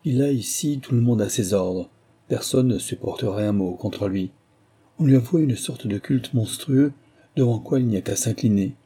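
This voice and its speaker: A man reading the part of a distressed lady who strains to sound calm. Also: medium pitch, slightly rough. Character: pale, distressed young lady.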